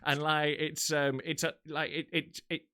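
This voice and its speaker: A man's voice: a little high, moderate pace, clear, resonant tone. An English man hosting a casual video-call chat, telling stories with lots of swearing. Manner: swears a lot, animated storytelling. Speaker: host.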